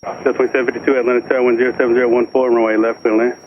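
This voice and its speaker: A man working as an air traffic controller, reading clipped, rapid instructions over a radio transmission with static bursts. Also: mid-range voice. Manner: rapid clipped monotone phraseology. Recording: noisy lo-fi radio feed.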